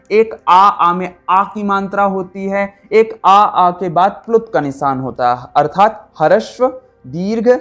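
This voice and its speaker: A man giving a spoken lesson at an unhurried pace. He pauses to ask questions and then answers them himself. He sounds out individual letters one at a time over faint background music. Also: high-pitched. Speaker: Sanskrit teacher.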